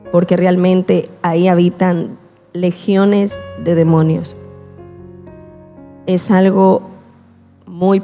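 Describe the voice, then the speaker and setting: A woman with a gravelly, mellow voice recounts her testimony at a slow, emotional pace, often circling back to repeat a phrase. Her voice carries a long reverb, as if in a large hall, with soft music behind it. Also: fairly low pitch. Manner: slow, repeating herself, quoting prayers. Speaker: guest telling her testimony.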